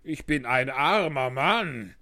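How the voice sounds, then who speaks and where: A man's voice: mid-range voice, expressive, takes it slowly, creaky, bright, forceful tone, dry recording, clean studio sound, pitched above the performer's own voice, full character voice. A man voicing a timid, trembling hatter in a storybook reading, pleading in a quavering voice.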